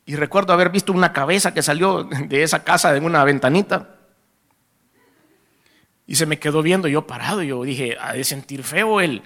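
Salvadoran preacher guy telling his testimony, bright somewhat high voice, calls everyone brothers. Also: normal speed, long pauses. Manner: animated storyteller, addresses the congregation as brothers. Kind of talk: sermon testimony.

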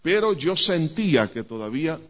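A man's voice: fairly high pitch, sing-song, normal speed, a bit bright. A man preaching a sermon to a congregation, speaking emphatically and addressing listeners directly. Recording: dull lo-fi church recording.

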